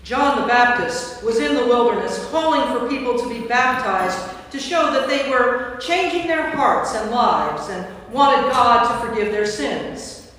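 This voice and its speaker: A woman priest addresses a church gathering, first welcoming everyone informally, then reading scripted narration for a staged performance. Her voice sits a little high and fairly bright, with lively intonation and a slightly slow pace. The large hall sounds echoey and far away, with faint noise.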